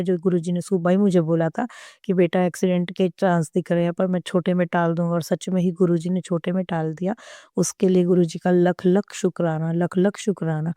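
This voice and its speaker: Young woman, devotee, earnest testimony; lowish flat voice, dry close sound. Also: no room sound. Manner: earnest, reverent, with frequent restarts.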